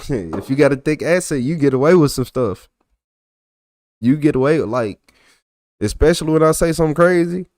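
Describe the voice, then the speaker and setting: His voice sits a little high and a little mellow, with lively intonation, a moderate pace and frequent pauses. He's a young adult man with a thick Texas accent, casually reacting to chat messages on a livestream. Studio quality, no echo.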